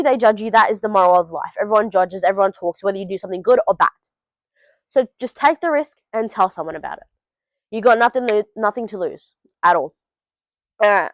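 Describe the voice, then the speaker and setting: In a casual home vlog, a teenage girl from Australia talks straight to the camera, offering frank advice full of swearing. She has a mid-range voice, captured without echo on a low-quality recording.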